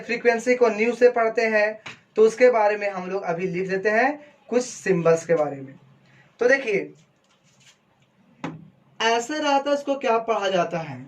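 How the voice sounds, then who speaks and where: Coaching teacher at a board, mid-range voice, quizzes the class and supplies the answers, steady lecture pace. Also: medium pitch, lo-fi sound. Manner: asks the class questions, then answers them, slow and deliberate. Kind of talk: classroom lecture, explaining physics prefixes and Greek symbols.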